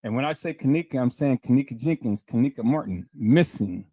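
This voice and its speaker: A man's voice: medium pitch, expressive, fairly quick, mellow, no echo. A man hosting a casual livestream, rambling and repeating himself as he talks straight to his viewers. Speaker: livestream host.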